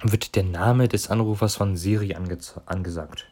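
Man, tutorial presenter, relaxed conversational explaining, fairly low voice. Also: normal speed, a little hiss or hum. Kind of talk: casual explanatory walkthrough.

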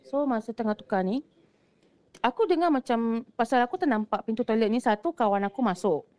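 Young woman, slightly high, dry close mic; chatty ghost-story teller who acts out her quotes. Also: brisk, no room sound. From Singapore. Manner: lively, mixes English words, acts out quoted voices. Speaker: guest storyteller. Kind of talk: casual ghost-story telling.

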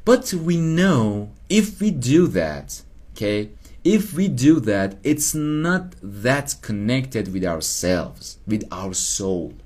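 Slow, lively self-help podcaster, man. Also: mid-range voice. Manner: rambling, repeats himself, laughs at himself. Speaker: podcast host. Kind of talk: casual self-help monologue.

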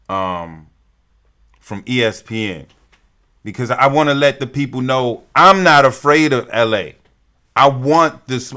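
A young man giving casual, animated sports commentary as a vlogger, with a profane, trash-talking fan's manner. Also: mid-range voice.

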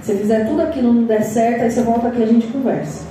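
A woman pastor with a Brazilian Portuguese accent preaching a sermon, animated, repeating phrases and asking rhetorical questions. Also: on the high side, rapid-fire. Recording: echoey hall, voice far from mic, noisy.

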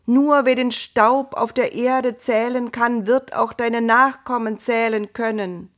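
A woman's voice: on the high side, steady tone, takes it slowly, fairly bright tone, voice pushed up. A woman voicing a lofty divine voice in a storybook, raised, solemn and emphatic. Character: lofty divine voice making grand promises. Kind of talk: storybook narration.

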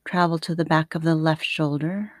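A woman guiding a sleep meditation like a sleep story narrator, soothing and unhurried, with long pauses between short phrases. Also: low voice, fairly even intonation, dry recording, studio quality. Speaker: yoga nidra meditation teacher.

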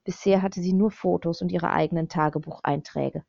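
A woman's voice: on the low side, fairly quick, gravelly, no room sound. A woman narrating an audiobook in scripted narration, reading steadily, on a slightly dull, dry recording. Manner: steady, even reading of a dark thriller.

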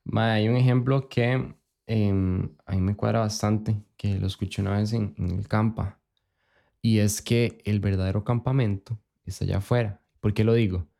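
A man's voice: lowish voice, steady tone, moderate pace, gravelly, warm tone. A young man with a Costa Rican accent, reflecting in a laid-back way on a casual faith podcast, with slang and rhetorical questions. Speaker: podcast co-host.

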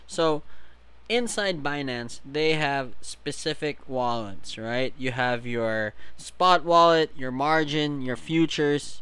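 A man's voice: on the high side, fairly bright tone, clear, resonant tone. A man co-hosting a casual crypto chat, explaining things step by step and laughing often. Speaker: co-host.

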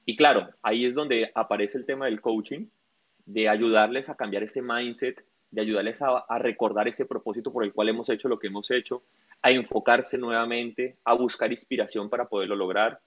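A man's voice: mid-range voice, fairly even intonation, normal speed, a bit bright. A man, a guest coach in a casual interview, telling stories and acting out what people said. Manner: tells stories with acted-out quotes. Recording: dull lo-fi audio.

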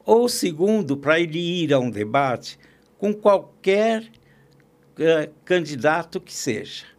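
Gravelly man, opinionated talker. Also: a little high, very animated, slow. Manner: talkative, opinionated, frequent restarts and fillers. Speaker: podcast guest, columnist and agribusiness consultant. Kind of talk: casual political conversation.

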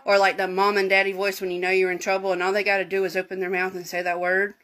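A woman gives an informal Bible lesson, retelling the story in her own chatty words. Her voice is bright and lively, with a middle pitch. She keeps breaking off into animated, folksy asides to her listeners. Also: quick pace. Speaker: Bible teacher.

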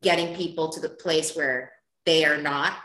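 A woman's voice: low voice, steady tone, moderate pace, sharp tone. A woman from Ethiopia speaking earnestly and passionately as a podcast guest. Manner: earnest, impassioned. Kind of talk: conversational interview. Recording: roomy echo.

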